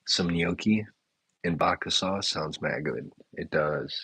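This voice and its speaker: A man's voice: sits low, sharp tone, a little hiss or hum, rough recording. A man hosting a casual live chat, reading viewer comments aloud and riffing on them in a laid-back way. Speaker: chef and restaurant owner hosting a live chat. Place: indoors, talking to a live chat.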